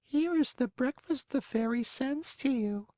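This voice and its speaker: A man voicing a slow, calm female snail in a storybook reading, speaking in a peaceful, unhurried way. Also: very high voice, no room sound, voice pushed up.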